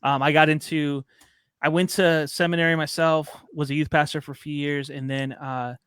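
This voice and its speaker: A man's voice: fairly high pitch, moderate pace, clear, resonant tone, no echo, clean studio sound. A man in his thirties from Chicago, chatting and telling stories as a guest on a podcast. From Chicago, USA. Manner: chatty, storytelling, relaxed slang. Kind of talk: casual podcast conversation.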